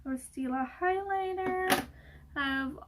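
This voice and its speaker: Young woman, high voice, casual rambling chat, lots of fillers, giggly. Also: unhurried, background noise. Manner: rambling, many fillers and restarts; giggly, laughs often. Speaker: beauty vlogger.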